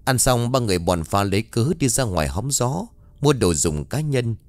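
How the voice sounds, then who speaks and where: A man narrating an audiobook in an expressive storytelling way. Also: mid-range voice, moderate pace, no echo. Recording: faint background music, dry studio.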